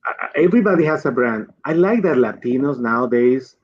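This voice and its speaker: A middle-aged Colombian man, a native Spanish speaker with a Colombian accent, appears as a guest: he is a physician and executive offering conversational career advice in an earnest, emphatic way. His medium-pitched voice has lively intonation and a fairly quick pace. The dull, lo-fi livestream audio carries slight background noise.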